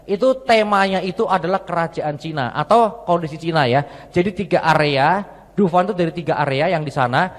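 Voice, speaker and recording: Lively storytelling preacher man. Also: on the high side, a little fast. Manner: lively storytelling, tag questions. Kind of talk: sermon. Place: large church. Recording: long church hall reverb.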